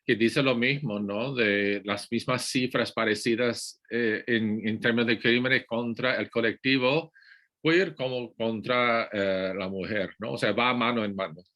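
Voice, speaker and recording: Bright-voiced male moderator. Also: medium pitch, a little slow. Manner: polite, linking the talk to earlier guests. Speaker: host, moderator. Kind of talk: moderating a talk.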